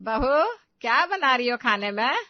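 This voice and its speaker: Casting: woman doing a stern, bossy cartoon mother-in-law with a high, scolding voice, dull and dry. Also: sing-song, unhurried, dry recording. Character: stern scheming middle-aged mother-in-law. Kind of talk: animated storybook voice acting.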